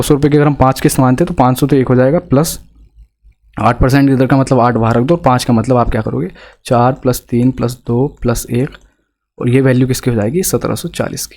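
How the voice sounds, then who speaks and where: A man's voice: mid-range voice, a little mellow. A male math teacher with an Indian accent, explaining exam problems step by step and asking students rhetorical questions. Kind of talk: exam-prep math lesson.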